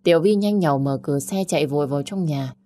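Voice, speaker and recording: A woman narrating a dramatic story in a measured, emotive way. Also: low voice, dark tone.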